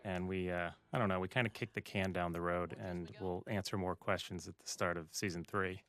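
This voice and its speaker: A man's voice: sits low, fairly even intonation, fairly quick, a bit bright. A man, a showrunner, speaking dryly and matter-of-factly in a DVD commentary.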